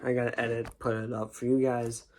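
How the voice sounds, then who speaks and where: Sleepy young man with a gravelly voice. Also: medium pitch, little pitch movement, fairly quick, a little mellow, a little hiss or hum. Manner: rambling, restarts sentences. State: sleepy, yawning. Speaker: YouTuber. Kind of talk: casual storytelling vlog.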